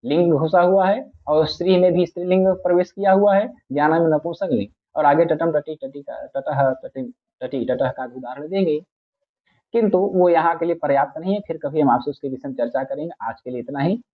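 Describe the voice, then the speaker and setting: A man's voice: a little high, a little fast. A man teaching grammar in a patient lecture, repeating each point and reciting classical phrases. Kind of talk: explanatory lecture. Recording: tinny phone-like audio.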